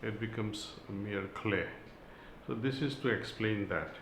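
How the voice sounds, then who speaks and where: A man giving a spiritual talk and reading aloud, in a slow, measured way with long pauses. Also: on the low side, reverberant, background noise. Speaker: spiritual teacher.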